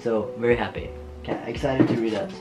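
A young Norwegian vlogger with a Norwegian accent and a mid-range voice chats casually to camera in a get-to-know-me video. He's relaxed and giggly, laughing often and pausing with lots of ums and restarts. He's in a small bedroom studio with shelves and posters, with soft guitar music playing underneath.

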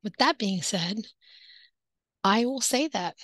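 A woman's voice: medium pitch, animated, slow, a bit bright, no room sound, low-quality recording. Chatty woman teacher, dry close sound. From native English speaker. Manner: chatty, acts out classroom exchanges, drops to whispered asides. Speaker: online English teacher. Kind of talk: casual teaching-tips chat to camera.

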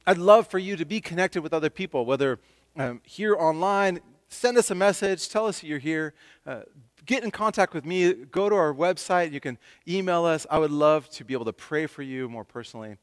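A man's voice: on the high side, expressive, fairly quick, no room sound, studio quality, in a large hall. A man, a church pastor, welcoming online viewers and closing with a spoken blessing.

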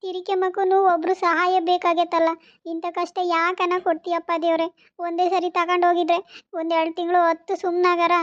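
A woman voicing a tearful, despairing bedridden young wife, soft and weepy. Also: very high-pitched, completely flat delivery, fairly quick, dry recording. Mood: weeping. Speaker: cartoon voice actor. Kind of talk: cartoon voice acting. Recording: dull lo-fi recording.

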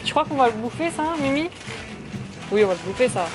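With a slightly high, expressive voice and a somewhat fast pace, a French vlogger in her twenties banters and laughs her way through streets and a supermarket. Music plays under her, alongside noisy street and shop sounds, all caught by a camera held low at arm's length indoors and out.

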